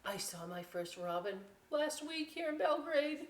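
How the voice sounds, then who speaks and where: This American woman's voice sits high, sing-song and a little slow, as she presents a children's story time, reading a picture book aloud with expression and folksy explanatory asides. A distant mic picks up a roomy echo.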